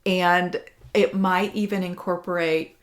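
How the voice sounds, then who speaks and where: A woman's voice: on the low side, little pitch movement, measured pace. Encouraging woman podcast host. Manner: encouraging, frequent murmured agreement. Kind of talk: interview chat.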